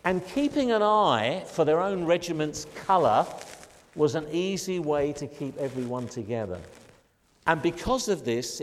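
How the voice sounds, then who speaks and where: Older British pastor, emphatic sermon delivery with slowed stresses; long church-hall reverb. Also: male voice, medium pitch. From Britain. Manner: emphatic preaching cadence, slowing to stress key phrases.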